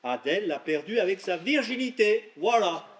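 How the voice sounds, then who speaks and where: A man's voice: high-pitched, expressive, normal speed, slight background noise. A man acting a flustered, blustering father in a stage comedy, hesitant and stammering. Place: theatre stage before an audience. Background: audience in a theatre.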